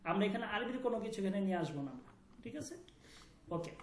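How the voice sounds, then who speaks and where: A man's voice: high-pitched, expressive, quick pace. A man teaching an online language class, patiently repeating sounds and checking that students understand. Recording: roomy echo.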